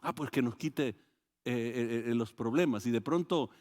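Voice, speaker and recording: A man with a Mexican Spanish accent preaching a sermon, animated and full of restarts, acting out quoted voices with sudden loud rises. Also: mid-range voice, a little slow. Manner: hesitant restarts and repeated words. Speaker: pastor. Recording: long hall reverb.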